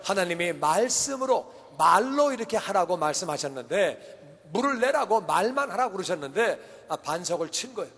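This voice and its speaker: High-voiced Korean pastor in an echoing hall. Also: male voice, normal speed. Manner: animated storytelling, acting out quoted speech. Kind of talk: sermon. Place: church sanctuary. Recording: long church hall reverb.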